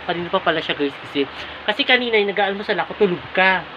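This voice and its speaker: A man's voice: high voice, expressive, fast. A man from the Philippines vlogging casually at home, talking to his viewers on a phone camera and calling them guys again and again. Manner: chatty, keeps addressing viewers as guys. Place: at home indoors. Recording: dull lo-fi audio with clear background noise.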